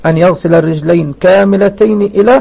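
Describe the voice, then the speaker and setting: Over a phone-like narrow-band recording, a fast-talking man with a high-sitting, gravelly, slightly rough voice teaches a religious lesson. He reads verses and explains each one through rhetorical questions.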